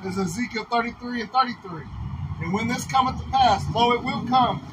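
A man with a very high voice reads scripture slowly and then preaches about it on the street. Clear outdoor noise sits behind his voice. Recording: noisy outdoor street recording.

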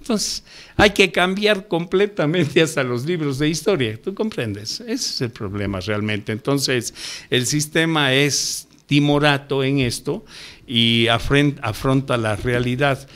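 A man's voice: mid-range voice, unhurried, a bit bright. An older man, a ufologist guest on a radio interview, lecturing emphatically and pushing his voice up to stress his points. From Ecuador. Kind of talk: radio interview, impassioned explaining.

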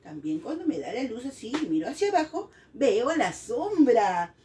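A woman's voice: fairly high pitch, big pitch swings, moderate pace, warm tone, far from the mic, slight background noise. A woman teacher giving a playful, singsong lesson to young children, coaxing them along.

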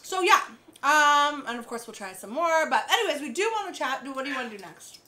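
A woman's voice: sits high, animated, fairly quick, sharp tone. A woman co-hosting an eating show, chatting casually with frequent laughs and fillers. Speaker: co-host of an eating channel. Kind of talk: casual mukbang chat. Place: home.

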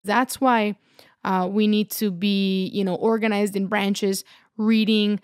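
A woman's voice: medium pitch, level tone, slow pace, smooth, dry recording, clean studio sound. A woman hosting a podcast, upbeat and encouraging. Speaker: podcast host.

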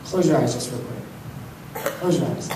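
A young man preaching a sermon on a handheld mic, animated, swinging from loud to hushed. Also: a little high, measured pace. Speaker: pastor. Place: large church hall with stage. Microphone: handheld mic, filmed from the pews. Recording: echoey hall, far camera, faint hum.

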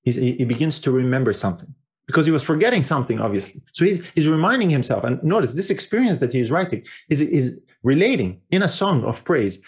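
A man's voice: lively intonation, darkish tone. Earnest preacher man, rising emphasis. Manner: earnest, rises in pitch for emphasis, slows on key phrases; frequent fillers and restarts. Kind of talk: sermon.

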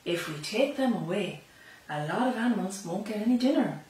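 A middle-aged Irish woman with a medium-pitched, darkish voice reads a picture book to young children in an animated, fairly quick way, adding chatty asides. She is in a small library room lined with bookshelves, filmed by a camera a few metres away, so the sound is echoey and slightly distant.

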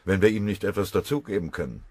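A worried Soviet staff general hurries through bad news in an audiobook, as a man voices him. His anxious lines come in a husky, low voice. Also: quick pace, a little mellow, no echo.

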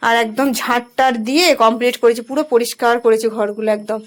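A woman's voice: on the high side, fairly even intonation. A woman in her thirties with a Bengali accent, chatting casually in a home vlog about her evening. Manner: chatty, drawn-out, softly spoken at times. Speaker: vlogger. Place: home at night.

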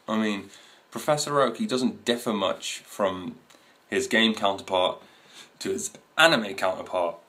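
Rambling man in his twenties, very deep. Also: unhurried, few pauses, sharp tone. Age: 20s. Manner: rambling, many fillers and restarts. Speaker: video host. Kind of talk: casual to-camera talk. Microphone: camera mic.

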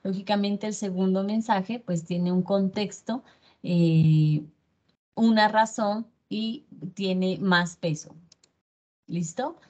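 A woman's voice: mid-range voice, slow pace, a little mellow, muffled recording. A woman instructor giving an online class lecture over a video call, often checking in with her students through short tag questions.

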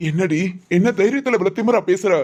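A quick-tempered husband from a family cartoon, voiced by a performer. He scolds his wife with one demanding question after another. His pitch stays in the middle and he talks fast. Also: animated, darkish tone, close to an everyday voice. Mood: angry. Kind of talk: animated family cartoon dub.

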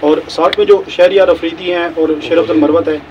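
A man's voice: on the high side, steady tone, fairly quick, highs cut off, noisy background. Male reporter asking long questions from afar. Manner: polite, long winding questions. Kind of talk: questioning at a press talk. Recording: voice caught from a distance.

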